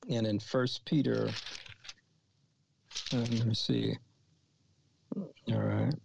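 Slow gravelly man teaching scripture. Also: mid-range voice, a little mellow, slight background noise. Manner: halting, repeats and restarts phrases, reads scripture aloud. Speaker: Bible teacher. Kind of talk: slow expository Bible teaching. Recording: dull lo-fi recording.

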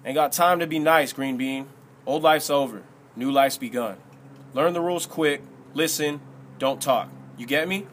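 Rough, bossy teen leader with blunt slang, storybook voice, as a male narrator puts him on. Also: on the high side, moderate pace, a little hiss or hum, natural voice. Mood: curt. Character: gruff teenage boy leader, blunt and bossy.

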